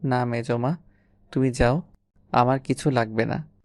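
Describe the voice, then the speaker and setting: Guy doing a cocky young husband in an audio drama, smug and teasing, pretty mid-pitched, dry close sound. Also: steady tone, a little mellow, no echo, close to an everyday voice. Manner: mocking, unhurried banter.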